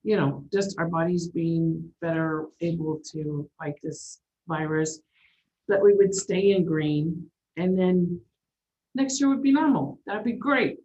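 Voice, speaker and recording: A woman's voice: fairly low pitch, measured pace, dark tone. Woman board member thinking aloud. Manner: thinking aloud, frequent affirming murmurs. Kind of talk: board meeting discussion. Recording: dull meeting audio.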